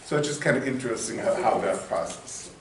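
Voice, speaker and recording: A man's voice: medium pitch, animated, fairly quick, slight background noise. A man giving a casual local history talk to a meeting, rambling and searching for words with many fillers. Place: meeting hall. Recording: echoey room from far off.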